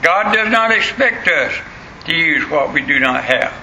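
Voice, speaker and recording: A man's voice: on the high side, animated, a little slow, pushed and bright. An older man with a rural Southern US accent and an old country voice, preaching a sermon in a plain-spoken, folksy way and repeating phrases for emphasis. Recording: echoey room, faint background noise.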